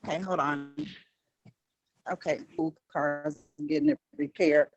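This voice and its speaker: A woman's voice: deep voice, steady tone, no echo. A middle-aged woman speaking earnestly on a group phone call, her voice fading in and out as the connection breaks up. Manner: earnest, hesitant, halting with repeats. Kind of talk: casual group chat.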